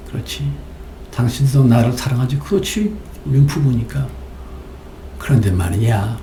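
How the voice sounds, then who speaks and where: A male pastor voicing a gentle, coaxing wife who speaks softly and sweetly to her husband, in a sermon. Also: mid-range voice, roomy sound, slight background noise, lightly acted.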